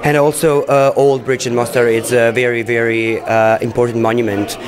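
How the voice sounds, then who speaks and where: A man's voice: medium pitch, flat delivery, moderate pace, a crowd in the background. A man answering interview questions in a small indoor room, earnest and repeating words for emphasis. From Bosnia and Herzegovina. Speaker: singer being interviewed.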